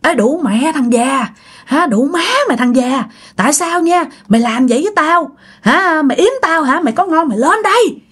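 Lady doing a hotheaded young guy swearing, pitch jumping all over. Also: animated, quick pace. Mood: furious. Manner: cursing, shouting insults. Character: hot-headed young man around twenty.

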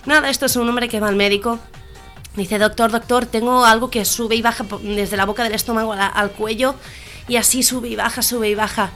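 A woman's voice: a little high, a little fast, faint music behind. Female radio comedy co-host, casual joke-telling, acts out each character's lines. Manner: animated storyteller, voices the characters in her jokes.

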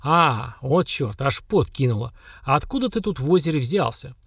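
A man's voice: medium pitch, lively intonation, moderate pace, vocal fry, a bit bright, breathy edge, dry recording, heavily acted. A man voicing a confident young hero with an ironic, questioning, grumbling manner. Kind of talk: audiobook character voice.

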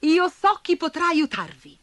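A woman voicing a gentle, naive little stick boy who speaks kindly and earnestly. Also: extremely high pitch, big pitch swings, a little slow, no echo, voice pushed up, exaggerated voice. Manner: kind and earnest.

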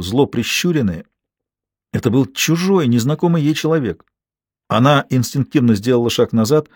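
Dry, expressive male audiobook narrator. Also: medium pitch, no echo. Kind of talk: dramatic novel reading.

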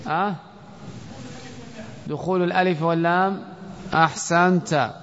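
A man's voice: on the high side, steady tone, a little slow, fairly bright tone. Man teaching in a reverberant hall. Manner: quizzes students, calls on them by name. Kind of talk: classroom Arabic grammar lesson with questioning. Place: classroom or mosque hall. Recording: lo-fi recording with long hall reverb.

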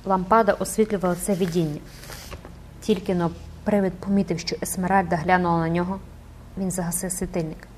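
A woman's voice: lowish voice, fairly even intonation, fairly quick, a little hiss or hum. A woman narrating an audiobook dramatically and expressively, rising with the action.

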